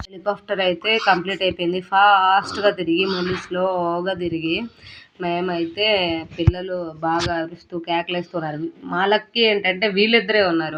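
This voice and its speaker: A woman in her thirties narrates her family vlog in a chatty, amused way, telling the story as the clips play. Her pitch stays fairly flat and level throughout. The recording sounds a little dull and lo-fi. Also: background noise. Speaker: family vlogger, mother. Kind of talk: casual vlog voice-over narration.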